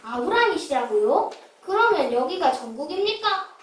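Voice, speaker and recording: A meek, devout starving beggar man, played by a woman in a puppet play for children. The delivery is high, pleading and declamatory, picked up from a little distance in an echoey room. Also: sing-song, moderate pace. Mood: awed. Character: humble, sickly, pious starving beggar man. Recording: roomy, distant miking with background hiss.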